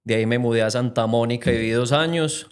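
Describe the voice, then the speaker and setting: Podcast guest, young man, Medellín Colombian accent, earnest and reflective, mid-pitched. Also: fast talker, clean tone. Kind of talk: casual interview chat.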